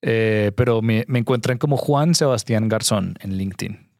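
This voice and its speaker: A man's voice: fairly low pitch, moderate pace, a little mellow, no echo, studio quality. A man, a guest on a podcast, talking earnestly and emphatically as he gives direct advice. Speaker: guest investor. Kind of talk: conversational podcast interview.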